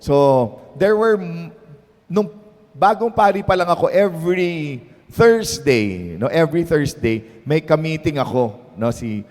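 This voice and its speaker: Filipino priest preaching in a reverberant hall. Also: male voice, fairly high pitch, animated, takes it slowly, darkish tone. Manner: mixes Tagalog and English, tags phrases with "no?"; storytelling, conversational. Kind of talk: sermon at a prayer meeting.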